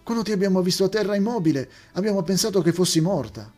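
A man voicing an earnest, dutiful young man in a story, with a slightly raised pitch. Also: animated, quick pace, darkish tone, soft background music. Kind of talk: storybook voice acting.

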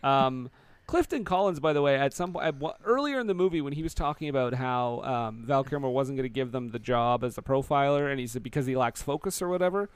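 A man's voice: medium pitch, expressive, quick pace, clean tone, no echo. A man casually recapping a movie on a podcast, joking and acting out the characters' lines. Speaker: podcast host. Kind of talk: casual movie-review chat.

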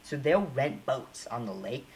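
A young man in casual chat, telling stories in an animated way with quick restarts and asides. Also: mid-range voice, gravelly, slight background noise, low-quality recording. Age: young adult.

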